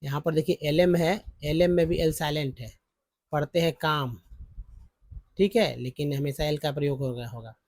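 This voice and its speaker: A man's voice: a little high, steady tone, darkish tone, dry recording. Man teaching syllables, dry close sound. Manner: addresses viewers as friends, repeats syllables slowly. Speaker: English teacher. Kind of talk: slide-based phonics lesson.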